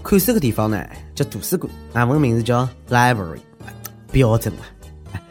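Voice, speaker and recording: A male host with a clear Shanghai accent delivers humorous news commentary. His pitch swings in an animated way as he mocks and needles in a conversational tone. Music plays behind his voice. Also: normal speed. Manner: sarcastic, mocking, conversational delivery.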